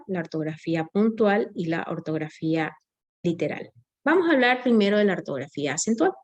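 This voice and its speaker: A woman's voice: medium pitch, darkish tone. Woman teaching a grammar class. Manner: explanatory, frequent tag questions and self-corrections. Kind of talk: recorded online lecture.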